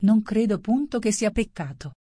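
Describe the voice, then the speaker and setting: A woman's voice: mid-range voice, expressive, normal speed, warm tone, slightly rough, no echo, studio quality. A woman reading the lines of a curious, bold young girl who answers firmly. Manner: firm, plain-spoken.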